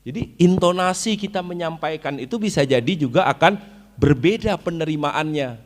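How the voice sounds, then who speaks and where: A man's voice: a little high, lively intonation, moderate pace. A man from Indonesia giving a religious study lecture. He explains his points, recites Arabic verses and asks the audience questions. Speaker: Islamic preacher. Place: weekly study gathering.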